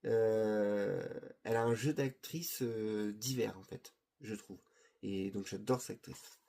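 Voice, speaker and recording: A man's voice: lowish voice, takes it slowly, vocal fry, warm tone, slight background noise. A middle-aged man presenting his film collection in a casual chat, hesitant and full of fillers and restarts. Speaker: video host presenting his Blu-ray collection.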